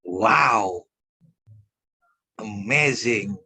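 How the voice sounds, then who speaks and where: A man's voice: fairly low pitch, expressive, drawn-out words, creaky, bright, forceful tone, husky. A man with an Indonesian accent teaching an English class, enthusiastic and chatty, laughing often and tagging his sentences with "ya". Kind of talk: casual class chat.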